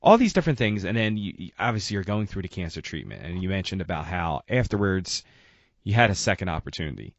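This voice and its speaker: A man's voice: low voice, big pitch swings, fast talker, dry recording, dull audio. A man hosting an interview, asking long, rambling questions full of "you know". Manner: rambling, searching for words with many "you know"s. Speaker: podcast host.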